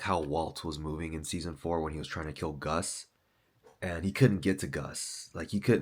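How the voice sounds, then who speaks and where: A man who is an author and podcaster, talking through his thoughts in a loose, rambling monologue, swearing often and saying "like" and "dude". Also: very deep voice. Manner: loose, profane, full of fillers like "like" and "dude".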